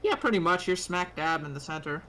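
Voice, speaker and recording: Bright-voiced woman running a tabletop game. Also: lowish voice, lively intonation, fairly quick. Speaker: game master. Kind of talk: casual tabletop game narration.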